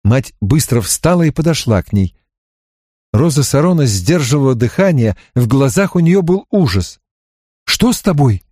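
A man narrating a novel as an audiobook in an expressive, measured reading. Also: medium pitch, no echo, clean studio sound.

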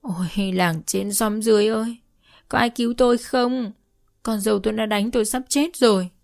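A woman voicing a scolding old mother-in-law who wails and shrieks complaints loudly. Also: medium pitch, normal speed, lightly acted. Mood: wailing. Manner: loud, wailing, shrieking complaints.

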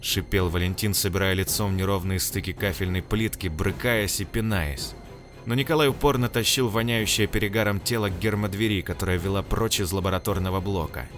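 A man reading an audiobook, expressive, acting out the dialogue. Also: deep voice, brisk, soft background music. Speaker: narrator. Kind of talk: audiobook narration.

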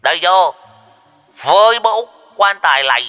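A man's voice: high-pitched, expressive, normal speed, sharp tone, smooth, faint music behind, voice pushed up. A man voicing a wild, drunk old man who stammers and makes a mock-pompous sales speech for a coffin. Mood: mock-grand pitch.

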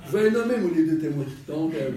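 A man's voice: fairly high pitch, lively intonation, fast talker, warm tone. A man with a Quebec French accent leading a group Bible study in a chatty, digressive way, laughing often. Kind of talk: casual group Bible teaching. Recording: roomy echo, mic far off.

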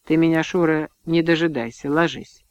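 A man voicing a calm, bookish young village husband who talks softly and without haste, in a dull, dry audiobook recording. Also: high voice, no echo, close to an everyday voice. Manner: soft-spoken, unhurried.

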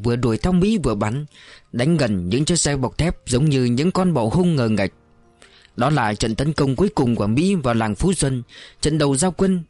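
A man reads a novel aloud in a steady, measured storytelling voice. The recording is dry and close, with faint music underneath. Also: mid-range voice, no echo. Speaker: narrator. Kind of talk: audiobook narration.

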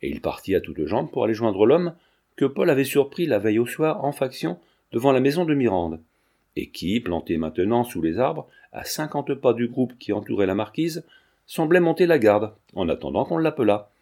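Man with a warm mellow reading voice. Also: medium pitch, big pitch swings, normal speed. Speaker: audiobook narrator. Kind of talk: scripted narration.

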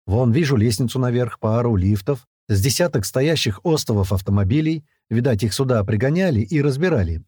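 A man narrating a first-person action audiobook, jumping up in pitch and volume for shouted dialogue and dropping low for the tags. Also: dry recording, clean studio sound.

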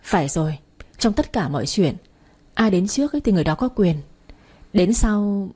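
A woman's voice: medium pitch, expressive, moderate pace, warm tone, breathy edge. A woman voicing a cold, bitter young father who speaks curtly in an audiobook. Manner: curt and cold.

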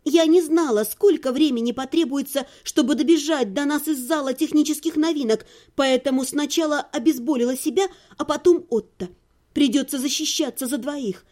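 A woman reading a first-person audiobook with expressive storytelling. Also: sits high, normal speed. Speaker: audiobook narrator.

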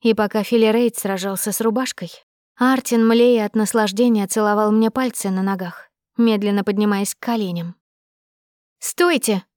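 A woman reading a first-person audiobook with expressive, measured storytelling. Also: medium pitch, no room sound, studio quality. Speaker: narrator.

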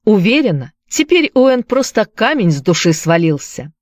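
A woman reading a story aloud, voicing a sharp-tongued young woman who speaks with sarcasm and fierce demands. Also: medium pitch, very animated, normal speed, no echo, clean studio sound, voice pushed up. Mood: sarcastic.

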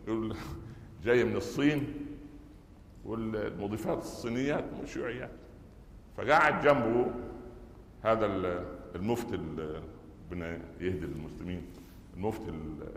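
A middle-aged Egyptian man preaches at a quick clip, weaving stories and tossing rhetorical questions at his listeners. His voice rings through a large hall with a long, echoing tail. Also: fairly low pitch, a little hiss or hum. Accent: Egyptian Arabic. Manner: storytelling, asks the audience rhetorical questions. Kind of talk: Friday sermon. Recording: echoey hall with long reverb.

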